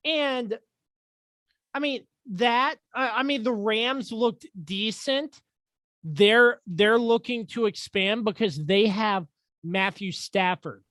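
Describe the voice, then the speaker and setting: A man's voice: high-pitched, slow pace, sharp tone, no room sound. A man hosting a casual sports podcast, joking sarcastically and tripping over his words. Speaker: podcast host.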